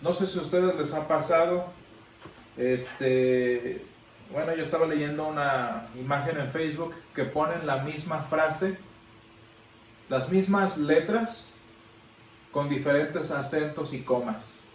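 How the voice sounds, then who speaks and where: A man's voice: on the high side, takes it slowly, slight background noise. A man teaching a Sunday school Bible class, explaining patiently and asking his listeners questions. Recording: echoey room, from far off.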